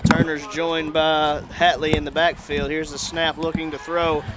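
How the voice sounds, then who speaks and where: A man's voice: a little high, flat delivery, normal speed. A man giving live play-by-play commentary at an outdoor football game, with energy that rises on big plays. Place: outdoor high school stadium. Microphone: headset. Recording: crowd noise behind.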